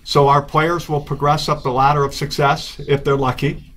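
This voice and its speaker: A man talking about his baseball team in a relaxed, joking, promotional way on a studio talk show. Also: fairly high pitch, moderate pace. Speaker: baseball team representative and stadium announcer. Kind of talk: casual studio interview.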